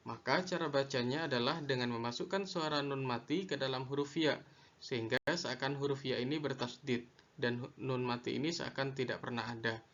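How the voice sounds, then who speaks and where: A man teaching a lesson on Quran recitation rules, slow and deliberate, repeating each definition. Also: medium pitch, fairly even intonation, fairly bright tone, highs cut off. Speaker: religious studies teacher.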